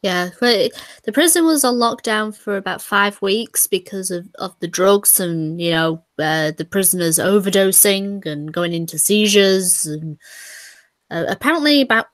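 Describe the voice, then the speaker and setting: A woman's voice: medium pitch, lively intonation, measured pace, no echo, clean studio sound. A woman co-hosting a casual stream chat, laughing and poking fun at herself. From Britain. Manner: chatty, laughing, self-mocking. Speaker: co-host.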